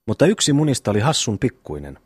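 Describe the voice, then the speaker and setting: A man's voice: medium pitch, sing-song, darkish tone, slightly rough, no room sound, studio quality. A man voicing a brash, bossy eldest peasant brother in a classic audiobook reading. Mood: blustering. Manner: bossy, quick to scold.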